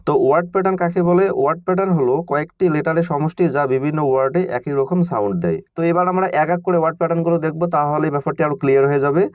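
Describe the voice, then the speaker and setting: A man's voice: fairly high pitch, rapid-fire, hardly any pauses, darkish tone, dry recording. A man teaching an online lesson, spelling words letter by letter and then pronouncing them, while speaking directly to his students. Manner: addresses students informally and directly. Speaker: English reading teacher.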